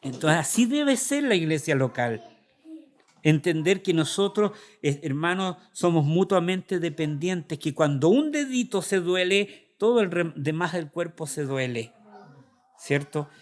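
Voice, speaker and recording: A man with a Chilean Spanish accent delivers an earnest, confessional sermon as a pastor. His voice sits a little higher than most men's, and he often acts out his own prayers and struggles aloud. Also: sing-song, measured pace.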